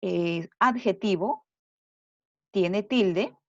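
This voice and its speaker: A woman teacher giving a recorded grammar lesson, explaining slowly and deliberately and repeating her examples. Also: medium pitch, no echo. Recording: dull lo-fi dry recording.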